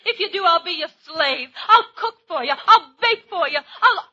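Brassy gun moll, high piercing voice. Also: female voice, expressive, normal speed, bright, forceful tone, exaggerated voice. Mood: pleading. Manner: melodramatic, tough and flirtatious. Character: brassy, seductive, pleading gun moll Gertie. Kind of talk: old-time radio comedy acting. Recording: dull, lo-fi old radio recording.

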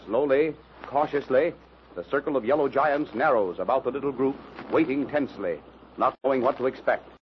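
A man's voice: medium pitch, a little fast. A man giving formal, dramatic scripted narration in the style of a 1930s radio serial. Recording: dull, noisy old radio recording.

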